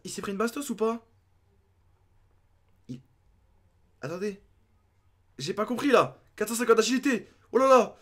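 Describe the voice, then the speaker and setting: A young man commentating his own game as a gaming youtuber, thinking aloud and breaking into excited outbursts. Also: high voice, normal speed, long pauses. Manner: excitable, talks to himself, sudden outbursts.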